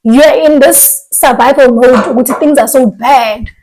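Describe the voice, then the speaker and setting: A woman's voice: sits high, a little slow, darkish tone, poor audio. A woman from Africa, co-hosting a casual podcast chat and thinking aloud with frequent restarts. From southern Africa, living in South Africa. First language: a southern African language. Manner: thoughtful, trails off and restarts mid-thought. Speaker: podcast co-host.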